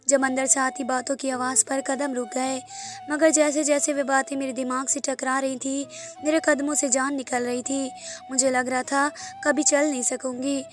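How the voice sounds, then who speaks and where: A woman narrating an emotional first-person story in a sorrowful, heartfelt way. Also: high voice. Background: faint music.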